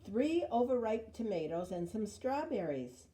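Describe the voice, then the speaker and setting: Woman reading as steady, reassuring storybook grandma, unhurried, dark-toned. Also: fairly high pitch, slight background noise. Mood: soft, reassuring. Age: older. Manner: soft-spoken, steady, encouraging. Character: steady, reassuring old grandmother in a children's picture book. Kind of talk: storybook read-aloud character voice.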